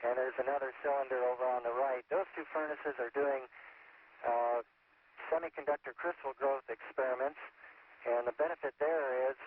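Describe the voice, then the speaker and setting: A man's voice: medium pitch, steady tone. Man on a crackly space radio link. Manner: explanatory, halting with frequent fillers. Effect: crackly space-to-ground radio link, like a sci-fi communicator. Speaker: astronaut aboard a spacecraft. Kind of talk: describing experiments for ground control. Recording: tinny radio downlink with faint hiss.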